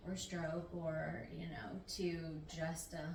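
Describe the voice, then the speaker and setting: Her low, creaky voice is slow and flat as this middle-aged woman, a nurse practitioner, easygoingly chats through interview questions, wandering a bit as she talks. The recording sounds roomy, with a distant mic and faint noise.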